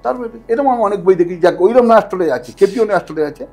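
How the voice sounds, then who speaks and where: A man with a high, husky voice tells stories as a podcast guest, acting out other people's lines with animated energy. Faint music plays softly behind him. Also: rapid-fire. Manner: animated, acts out other people's lines, keeps urging the listener to imagine. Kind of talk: casual storytelling in conversation. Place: podcast studio.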